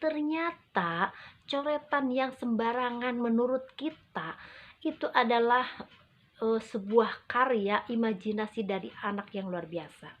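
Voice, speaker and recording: A woman gives instructional talk to parents as an early childhood educator, over-enunciating with deliberate, emphatic phrasing and short pauses. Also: on the high side. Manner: acts out parent and child quotes. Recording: muffled, dull lo-fi audio.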